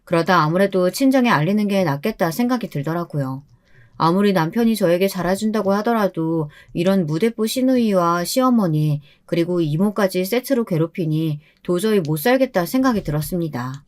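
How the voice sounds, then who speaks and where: A woman's voice: lowish voice, moderate pace. Woman narrating a story, indignant tone. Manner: indignant, expressive reading. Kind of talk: scripted first-person storytelling.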